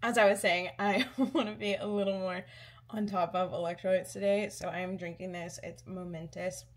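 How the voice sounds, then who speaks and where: A woman's voice: mid-range voice, fairly even intonation, moderate pace. A woman chatting casually to camera as a vlogger, in an informal, everyday way. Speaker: running vlogger.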